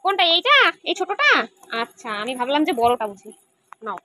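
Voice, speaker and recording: A woman's voice: extremely high pitch, very animated, a little fast, sharp tone, a little hiss or hum. A woman playing with a small child, using coaxing, sing-song baby talk full of questions. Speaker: caregiver playing with a toddler.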